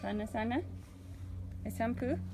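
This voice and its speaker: A woman's voice: a little high, normal speed. A woman giving casual live commentary outdoors as host, chatty and affectionate toward animals. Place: outdoors at an elephant nursery. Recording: outdoor ambience, clear background noise.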